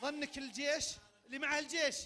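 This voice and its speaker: Saudi man, event game host, handheld mic; very high, piercing voice, lively and commanding. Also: fast. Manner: energetic, barks sudden commands. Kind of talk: leading a party game for a crowd. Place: large event tent. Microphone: handheld microphone.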